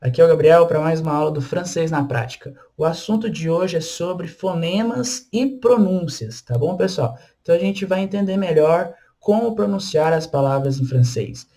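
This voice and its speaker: A Brazilian man with a fairly high voice runs an online French pronunciation lesson over screen share. He explains patiently and keeps checking in with his students with short tag questions. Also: normal speed, warm tone. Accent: Brazilian Portuguese. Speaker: French teacher.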